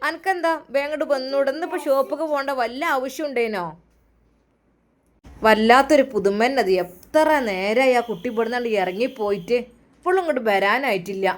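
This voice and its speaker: Brief: woman doing a possessive older mother-in-law, high, loud, nagging. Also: brisk, natural voice. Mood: scolding.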